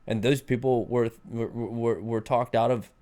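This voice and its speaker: Male co-host, casual and slangy, trips over his words, mid-pitch voice. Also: steady tone, warm tone. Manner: halting, repeats words, slangy. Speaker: podcast co-host. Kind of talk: casual chat.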